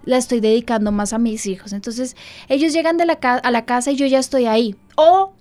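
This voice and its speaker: High-voiced woman pastor. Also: a little mellow. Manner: heartfelt, confessional, slows down for emphasis. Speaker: pastor and radio show host.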